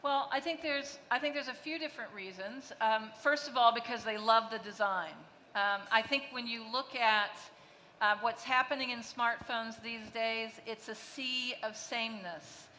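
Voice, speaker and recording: The recording, made in a large conference hall, has long reverb and faint noise. In it, a woman executive answers panel questions in a steady, sharp voice on the high side at a moderate pace, fluent yet often restarting with fillers.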